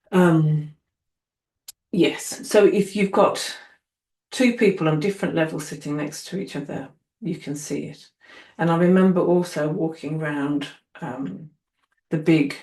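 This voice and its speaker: A woman's voice: sits low, a little mellow. A woman occupational therapy trainer giving an earnest, encouraging, casual talk to newcomers. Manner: earnest, encouraging, acts out quoted people. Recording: roomy echo.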